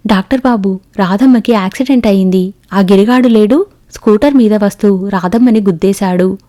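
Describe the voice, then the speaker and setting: A woman reading a servant's urgent lines in an audiobook, a bit louder than her narration. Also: mid-range voice, normal speed, lightly acted. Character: loyal male servant bringing urgent news.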